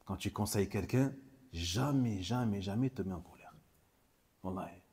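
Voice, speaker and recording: With a lowish, slightly mellow and husky voice at normal speed, this Islamic teacher works through a hadith text. He drives points home by repeating key phrases and adds short Arabic expressions.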